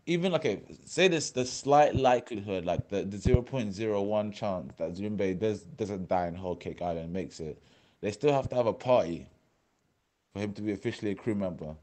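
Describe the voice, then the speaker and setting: A young man with a London accent, hosting a casual chat on a voice call, animated and swearing, often talking over his co-host. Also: on the low side, a little fast. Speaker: podcast host.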